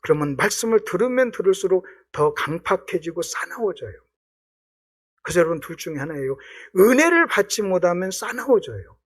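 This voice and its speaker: A middle-aged man preaching a revival sermon in a church, acting out quoted voices with sudden shouts and drops. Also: high-pitched, very animated, a little fast. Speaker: guest pastor. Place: church sanctuary.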